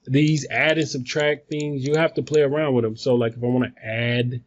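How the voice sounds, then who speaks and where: A man with a mid-pitched voice walks through software in an informal way, thinking aloud as he goes. The sound is dull and lo-fi, picked up by a phone placed away from him. He rambles casually like someone presenting a homemade tutorial. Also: fairly even intonation, normal speed. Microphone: phone, some distance away. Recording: dull phone recording, distant from mic.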